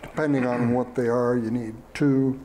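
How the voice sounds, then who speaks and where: A man, speaking slowly with many fillers and restarts as a fair superintendent in a studio interview. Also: mid-range voice, fairly even intonation, mellow, a little hiss or hum. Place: small TV studio. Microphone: lapel mic.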